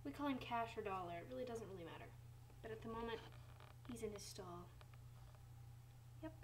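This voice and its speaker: A woman's voice: a little high, lively intonation, brisk, noisy background, close to an everyday voice. A teenage girl voicing a young woman who gives a stable tour in a doll video, talking in a chatty, hesitant way with small self-corrections. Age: late teens. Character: young woman barn worker giving a tour. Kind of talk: doll video role-play narration. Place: home room, doll barn set.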